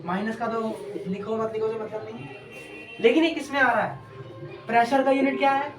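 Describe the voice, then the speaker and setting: Woman teacher, higher voice, question-and-answer drilling, distant mic, music behind. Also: steady tone, fairly quick. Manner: asks questions and answers them herself; repeats key terms drill-style. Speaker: chemistry teacher. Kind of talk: exam-prep lecture. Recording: echoey room, distant mic, background music.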